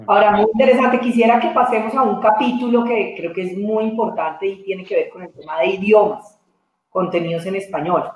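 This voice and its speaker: A woman's voice: mid-range voice, brisk, a little mellow. A woman moderating a webinar panel, setting up questions at length with hesitant fillers. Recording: very echoey room.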